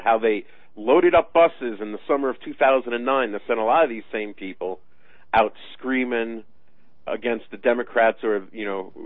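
A man giving halting, sardonic political commentary in a conversational style over the phone. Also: fairly low pitch, no room sound. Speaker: political talk radio commentator. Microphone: phone line. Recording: tinny phone-line sound.

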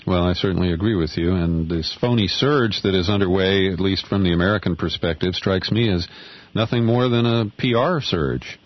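A man's voice: low-pitched, moderate pace. A man hosting a radio talk show, introducing and questioning a guest in a casual, self-deprecating way, recorded on a dull lo-fi studio mic. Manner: casual, self-deprecating about running the board himself. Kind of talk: radio interview.

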